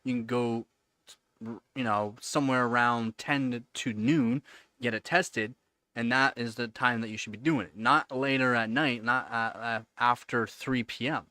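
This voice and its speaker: Here a man in his thirties runs a livestream, fielding viewer questions in a loose, rambling way packed with fillers and repetitions. His medium-pitched voice stays steady and measured, pushed and bright, with no room sound.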